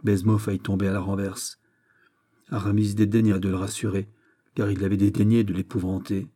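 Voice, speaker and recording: A man reading a classic novel aloud in a measured, steady storytelling manner. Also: on the low side. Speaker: audiobook reader. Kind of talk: literary audiobook narration.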